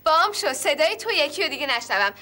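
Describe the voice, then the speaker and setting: A woman's voice: high-pitched, big pitch swings, pushed and bright, full character voice. An actress playing an exasperated wife in a TV sitcom who speaks scornfully to her husband. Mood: angry. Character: angry fed-up wife. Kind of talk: TV sitcom acting.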